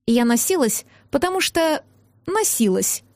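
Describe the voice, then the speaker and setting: A woman's voice: sits high, big pitch swings, measured pace, a little mellow, dry recording, studio quality, pitched above the performer's own voice, heavily acted. A woman voicing a stubborn, fiery young woman who talks back in snappy, indignant lines. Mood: defiant.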